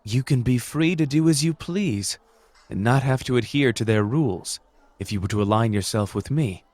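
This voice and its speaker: A man voices a suave renegade sorcerer for an anime audio roleplay, his mid-range voice natural and recorded dry. Measured and formal, he persuades gently and manipulatively, all in a mood of smooth persuasion.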